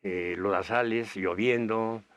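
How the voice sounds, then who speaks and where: Low-voiced older man telling anecdotes. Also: fairly even intonation, slow, a bit bright. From Bolivia, raised touring South America. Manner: rambling anecdotal, with frequent fillers. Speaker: guest actor. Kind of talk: storytelling interview answers.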